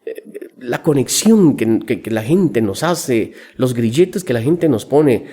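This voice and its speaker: A man speaking as a business coach in a podcast interview, telling lively stories and acting out the people he quotes. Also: medium pitch, slow pace, husky. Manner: animated storyteller acting out quotes.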